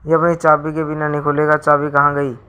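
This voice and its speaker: A man's voice: a little high, completely flat delivery, brisk, sharp tone, clear, resonant tone. A man voicing a sly, clumsy thief who mutters to himself. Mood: grumbling.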